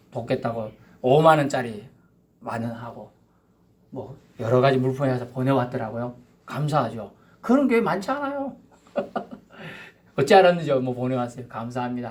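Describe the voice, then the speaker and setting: A male pastor preaching a Sunday sermon in a conversational, animated way. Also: medium pitch. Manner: conversational, animated, with acted-out asides.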